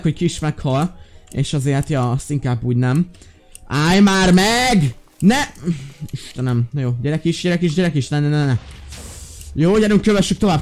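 A young man giving excited, loud commentary on his own Minecraft play, often jumping into high yelps and shouts. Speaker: gaming YouTuber.

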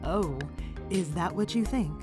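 With music underneath, the woman takes on the part of an assured, cool mentor figure who challenges others in a superhero comic dub. Her lowish voice moves at a measured pace with lively intonation.

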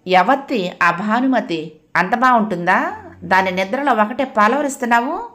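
Sharp-tongued housewife, lecturing and scolding, done by a woman storyteller. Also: mid-range voice, moderate pace, close to an everyday voice. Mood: suspicious.

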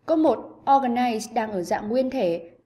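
A woman teacher giving an online English lesson to pupils, explaining grammar with clear, patient pacing. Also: fairly high pitch, lively intonation, unhurried, warm tone.

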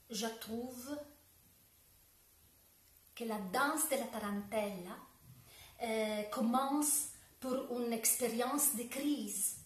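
A woman in her forties with an Italian accent, speaking French as a second language in a slow, searching way that often restarts. Her voice sits a little high, and she talks unhurriedly. It is recorded from a camera a few metres off in an echoey room at home. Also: far from the mic. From Italy. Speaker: dance teacher. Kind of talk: direct-to-camera video talk. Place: home room with bookshelves, indoors. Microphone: camera a few metres away.

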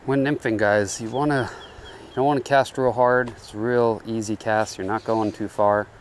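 On the low side and at a normal speed, this man's voice carries slight background noise as he vlogs outdoors while fly fishing on a riverbank. He casually explains his casting to viewers, whom he calls guys, in a relaxed, chatty way, captured by a head-mounted action camera.

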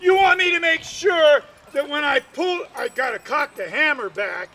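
A man playing a dim-witted, excitable town drunk in a live comic Wild West show, blustering and stammering. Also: extremely high pitch, exaggerated voice. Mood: eager, dim. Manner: slow-witted, blustering, stammering, drawn-out shouts. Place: outdoors in a park. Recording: outdoor park show with crowd around.

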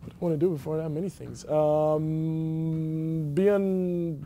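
A young college athlete from Germany answers questions in a relaxed, halting way, full of ums and restarts. His voice is mellow and a little high for a man. He sits in an empty indoor arena. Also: slight background noise. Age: young adult. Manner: hesitant, many fillers and restarts. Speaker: college basketball player. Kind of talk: casual interview answers.

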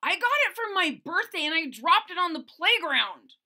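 A woman voicing an indignant young schoolboy who loudly insists the camera is his. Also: big pitch swings, a little slow, exaggerated voice. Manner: loud, high, insistent protesting.

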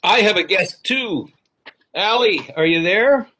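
A man's voice: sits high, expressive, slow pace, noisy background. A middle-aged man, a professor, introducing a guest on a video call from an office. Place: office with bookshelves. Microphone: webcam on a video call.

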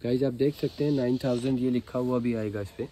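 An Indian man delivers an eager, informal teleshopping pitch, urging viewers to buy. His voice sits at a medium pitch with a dark, mellow tone. A little ambient noise runs behind him. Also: fairly even intonation, fast talker, rough recording. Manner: eager, urging sales patter, repeatedly addressing viewers. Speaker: fabric seller and channel host.

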